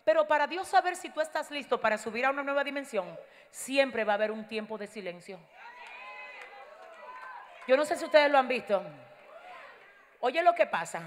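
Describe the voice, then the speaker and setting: A woman pastor giving a fiery sermon, dropping to a hush and then shouting, urging the congregation to repeat her lines. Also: sits high, a little hiss or hum. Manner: swings from hushed to shouting, urges the crowd to repeat lines. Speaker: guest pastor. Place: large church hall. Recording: long reverb of a big hall.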